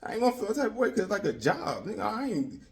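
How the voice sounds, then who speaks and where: A high-sitting male voice rushes along very fast with big leaps in pitch. The American YouTube commentator riffs casually and opinionatedly in street slang, says things twice for effect, and frequently makes sure his audience is keeping up.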